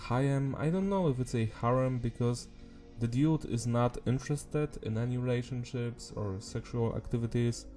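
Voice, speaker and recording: A man's voice: medium pitch, moderate pace, dark tone, soft background music. A man with a sore, sick-sounding swollen throat giving casual, rambling, informal commentary as a video host. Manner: informal, mild swearing. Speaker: anime review video host.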